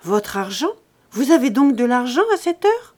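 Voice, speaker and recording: A woman's voice: fairly high pitch, expressive, moderate pace, a little mellow, close to an everyday voice. A woman reading aloud and voicing a sly, mocking grown peasant son who sneers and taunts.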